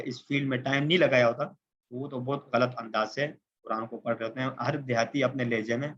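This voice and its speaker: A man from Pakistan teaching a tajweed lesson, explaining step by step, checking in with the listener often and slowing down for Arabic terms. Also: medium pitch, fairly bright tone. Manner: explanatory, repeats points with "ٹھیک ہے" checks; slows down for Arabic terms and examples. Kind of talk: recorded Quran recitation lesson. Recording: slightly dull lo-fi recording.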